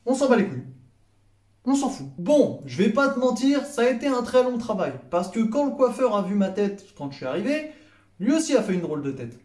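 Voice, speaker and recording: Animated young Frenchman in an echoey room. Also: high voice, fairly quick. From France. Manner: sarcastic, animated, acts out dialogue. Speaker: comedy vlogger. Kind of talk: comedic storytelling monologue.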